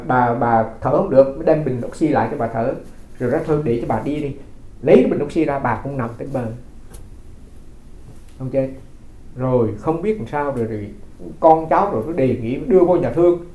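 A man's voice: mid-range voice, warm tone, reverberant, poor audio. A man who is a Buddhist monk from Vietnam, giving a dharma talk as folksy storytelling, often repeating his words.

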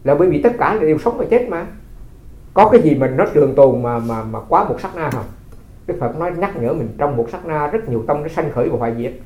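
Male monk, quick conversational dharma talk, slightly high voice, roomy recording. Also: lively intonation, darkish tone. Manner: conversational storytelling with rhetorical questions. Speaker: Buddhist monk.

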